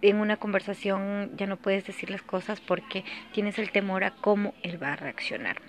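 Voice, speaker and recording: A woman's voice: mid-range voice, fairly even intonation, normal speed, slight background noise. A woman hosting a podcast, telling her own story in an earnest, confiding monologue full of hesitations and repeated phrases. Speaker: podcast host sharing personal story. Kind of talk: personal testimony, confiding monologue.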